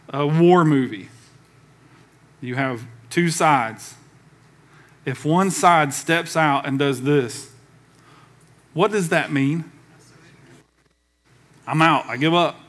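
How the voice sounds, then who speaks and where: Emphatic higher-voiced male pastor. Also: fairly bright tone. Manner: emphatic, calls for congregation response; conversational with casual asides. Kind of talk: sermon.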